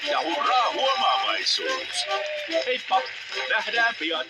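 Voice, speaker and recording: A cheerful, friendly narrator for a children's cartoon, coaxing the characters and the viewers along. His voice sits high and swoops widely through every phrase, as playful as a storybook. Loud cartoon music plays under him. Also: wildly swooping pitch, heavily acted.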